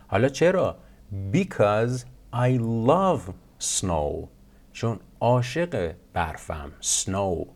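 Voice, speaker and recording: A man, a Persian speaker, teaching English in a casual lesson. He explains quickly in his own language and says the English example sentences slowly and carefully. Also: sits low, gravelly, dark tone.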